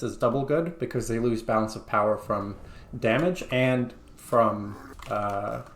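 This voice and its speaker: A man's voice: fairly low pitch, fairly bright tone, echoey room, slight background noise. A man hosting a strategy game video, chatting casually and thinking aloud as he plays, with frequent fillers and self-corrections. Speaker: gaming video host. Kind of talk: casual gameplay commentary.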